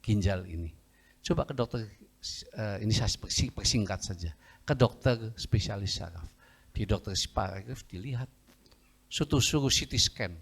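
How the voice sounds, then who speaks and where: A man's voice: lowish voice, creaky, breathy edge. A middle-aged man preaching a testimony sermon. He tells his story with animation and often turns to address the congregation. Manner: animated storytelling, acts out doctors and family in raised voice.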